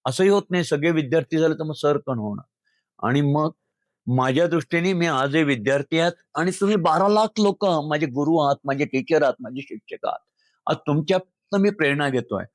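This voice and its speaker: A man's voice: a little high, no room sound. Man from Maharashtra, heartfelt social-media talk with poem reading, earnest and emotional, dry recording. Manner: earnest, emotional, speaks directly to listeners as friends. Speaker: speaker addressing social media followers.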